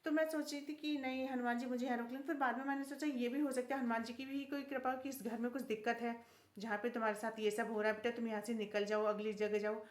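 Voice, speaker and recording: A woman's voice: sits high, flat delivery, fast talker, roomy sound. A woman vlogger telling a personal devotional story in a chatty, earnest way, often turning to her viewers. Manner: chatty, earnest, keeps addressing viewers as friends.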